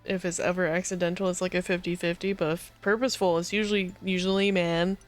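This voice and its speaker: A woman streamer giving casual gaming commentary, swearing freely and reacting with excitable disbelief. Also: fairly low pitch, quick pace, faint music behind.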